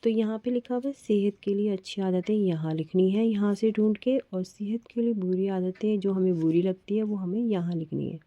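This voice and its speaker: A woman's voice: medium pitch, moderate pace, few pauses, dry recording. A woman teacher patiently explaining a worksheet to children, spelling out sounds and repeating words. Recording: slightly dull, lo-fi audio.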